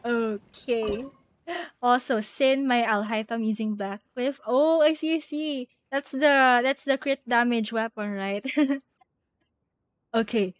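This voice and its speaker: A game streamer chats casually while playing, thinking aloud in a hesitant, giggly way over game music. Her voice is fairly high and slow, and the recording is dry.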